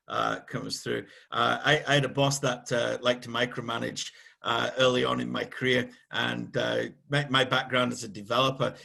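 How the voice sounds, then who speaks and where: A man moderating a career webinar panel, speaking haltingly with many "uh"s. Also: medium pitch, creaky, fairly bright tone, breathy edge. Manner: halting, heavy on "uh".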